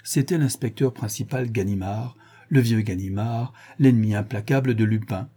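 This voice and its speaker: Brief: measured male storyteller, deep-toned and husky. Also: dark tone. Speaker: audiobook narrator. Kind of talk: scripted narration.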